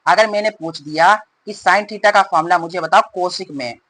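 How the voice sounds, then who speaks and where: A male math teacher explaining formulas in a rapid, repetitive way and calling his students "beta". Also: high voice, sharp tone, rough recording. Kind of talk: fast classroom explanation.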